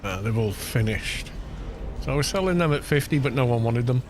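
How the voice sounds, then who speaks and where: A baritone man chats casually on a gaming live stream, relaxed and muttering to himself between remarks as he plays, at a fairly quick pace. He uses a studio microphone with a low cut, and game music plus other background noise play behind him.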